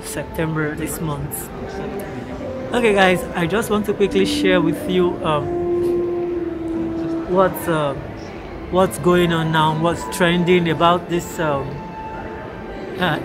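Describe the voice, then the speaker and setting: A tired young woman speaks slowly and haltingly into a phone at arm's length, filling her pauses with ums and uhs. She is in a large indoor hall, with clear music playing behind her. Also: sits low. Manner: hesitant, many ums and uhs. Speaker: vlogger. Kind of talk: casual vlog update.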